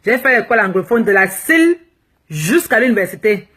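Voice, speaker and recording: Frank Cameroonian woman vlogger, bright voice. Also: mid-range voice, big pitch swings, moderate pace, breathy edge. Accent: Cameroonian French. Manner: frank and teasing, slips English phrases into French. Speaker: plus-size fashion blogger. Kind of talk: live video answering viewer comments.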